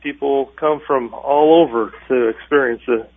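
Man taped off the radio, halting with fillers, thin phone-like sound, dry. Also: mid-range voice, no echo. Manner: halting, many filler pauses. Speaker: farm organization president, radio guest. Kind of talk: radio interview.

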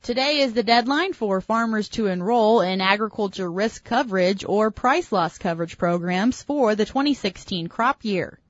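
A woman's voice: medium pitch, moderate pace, few pauses. A woman radio host taped off the radio, reading the news steadily. The sound is dull and lo-fi. It is dry, with no room echo. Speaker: farm radio show host.

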